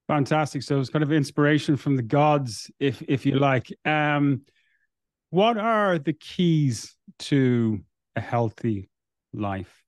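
A man's voice: medium pitch, animated, slow pace, dry recording, clean studio sound. A man hosting a podcast interview, friendly and grateful, asking long, winding questions. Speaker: podcast host.

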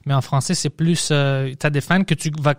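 A casual male podcast host with a slightly high voice, swearing and mixing English into his French. The recording is very dry and close. He chats loosely and trades in plenty of filler. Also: fairly even intonation, moderate pace, no echo. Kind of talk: casual conversation.

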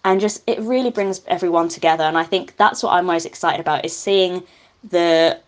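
Woman chatting away about a street party, upbeat, slightly low voice. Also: a little fast. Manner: chatty, enthusiastic, laughs often. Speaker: carnival band committee member. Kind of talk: interview answers.

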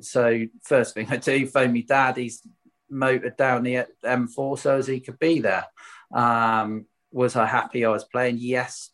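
A man from Swindon with a Wiltshire accent, a former footballer telling stories in a casual interview, candid, colloquial and questioning himself. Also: medium pitch. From Swindon, England. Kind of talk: casual anecdotal interview chat.

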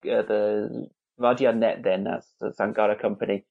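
A man's voice: on the low side, little pitch movement, normal speed, creaky, narrow, tinny audio. A man in his forties from England, a guest on an interview podcast, talking with many restarts and fillers. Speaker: guest, newspaper visuals head. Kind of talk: conversational interview.

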